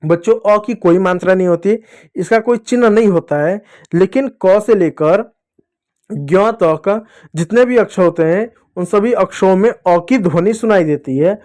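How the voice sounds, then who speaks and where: Man, high-pitched voice, children's reading lesson, slow letter drills, quizzes the kids. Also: a little mellow. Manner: repeats questions to the class, drills sounds slowly. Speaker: teacher.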